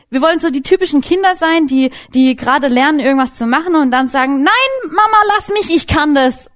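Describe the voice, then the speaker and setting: A young woman giving an informal sermon as a Bible teacher, lively and casual, speaking directly to her listeners. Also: sits high.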